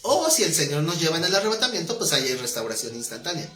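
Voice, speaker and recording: A man teaching a Bible study class, keeping it conversational and quizzing his students with quick questions. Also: fairly high pitch, big pitch swings, bright, forceful tone, soft background music. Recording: roomy echoing classroom.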